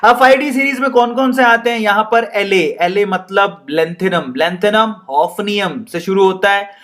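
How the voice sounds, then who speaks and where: A male chemistry teacher lectures in a playful, animated way and jokes as he teaches. His voice is fairly high for a man, and he slips English phrases into his talk. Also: measured pace. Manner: playful, jokey, laughs while teaching; animated, mixes Hindi and English. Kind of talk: classroom lecture.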